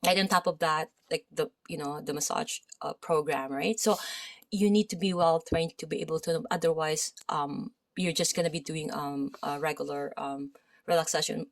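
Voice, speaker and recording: A woman with a Filipino accent teaching a massage therapy lesson, reading from a textbook with loud and soft stretches and chatty asides full of fillers. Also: sits low, moderate pace. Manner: reads aloud, then adds loose asides with many fillers; loud reading voice that rises and drops.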